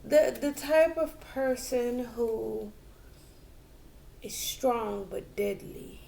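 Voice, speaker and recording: A woman giving a tarot reading to viewers, slow and reflective, with many fillers and restarts. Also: a little high, gravelly, dark tone. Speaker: tarot reader.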